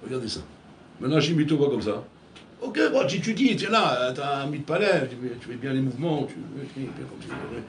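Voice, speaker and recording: Animated rabbi in an echoey hall. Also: male voice, medium pitch, a little fast, a little hiss or hum. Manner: animated, acts out dialogues, addresses listeners as Rabotai. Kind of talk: Torah lecture. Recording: echoey room with faint ambience.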